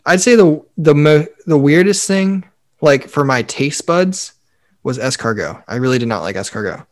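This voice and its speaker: A man's voice: fairly high pitch, animated, moderate pace. A young man co-hosting a podcast, rambling casually with lots of filler words. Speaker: podcast co-host. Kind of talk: casual chat.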